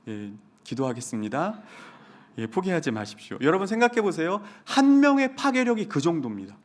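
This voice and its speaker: Animated Korean pastor telling stories. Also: male voice, a little high. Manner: animated storytelling, acts out students in quoted voices. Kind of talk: humorous sermon.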